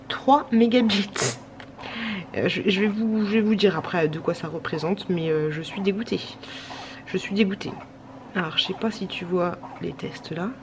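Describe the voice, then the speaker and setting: A tired woman, chatting casually to camera at home late at night, rambling with many fillers and restarts. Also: mid-range voice. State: a little sick. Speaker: vlogger. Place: home at night, pumping breast milk. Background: breast pump hum.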